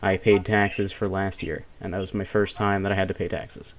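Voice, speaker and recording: A young man of about nineteen speaks on a telephone call in a slightly low voice. His answers are casual and plain, with short, hesitant phrasing. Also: little pitch movement, normal speed. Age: late teens (19). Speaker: person receiving the phone call. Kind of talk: casual phone conversation.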